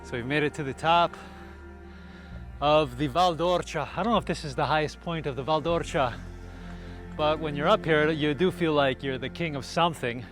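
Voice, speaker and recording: A man's voice: fairly high pitch, normal speed, fairly bright tone, soft background music. Enthusiastic man guiding a countryside tour. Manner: enthusiastic tour-guide talk with fillers. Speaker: travel and real estate vlogger. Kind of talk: casual travel vlog narration. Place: outdoors in hilly countryside.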